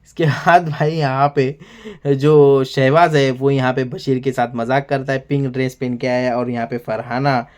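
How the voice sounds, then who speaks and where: A man's voice: medium pitch, fairly even intonation, normal speed, few pauses. A male TV show reviewer talks through an episode recap in a loose, rambling way. He keeps calling the viewer "brother" and drops exasperated asides. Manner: rambling, fills every sentence with "here" and "brother". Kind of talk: casual episode recap and commentary.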